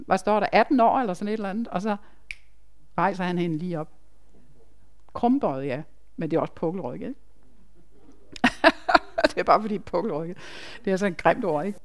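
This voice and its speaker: Smooth-voiced woman telling a testimony. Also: on the high side. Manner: chatty and emphatic, with asides to the listeners. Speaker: nurse giving a testimony. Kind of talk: personal testimony to a congregation.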